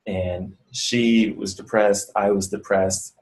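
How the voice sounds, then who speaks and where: A physical therapist and clinic owner gives earnest, conversational advice in a casual vlog, talking the viewer through breathing. His fairly low voice is level in tone, slow, and a little mellow, though the audio is poor.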